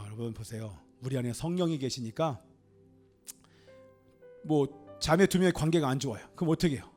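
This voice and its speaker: A middle-aged male pastor preaches in a church with a high, gravelly voice. He presses his points hard and swells into fervent exclamations. Soft music plays faintly underneath. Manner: emphatic preaching, rises to exclamations and calls of amen. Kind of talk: sermon. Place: church sanctuary.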